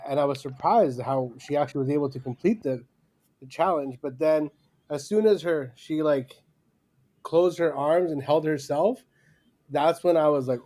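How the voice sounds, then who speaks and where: A man co-hosting a casual podcast chat, animated, laughing often and acting out his reactions. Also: fairly high pitch. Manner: animated, laughs often, acts out yelling at the screen. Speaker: podcast co-host.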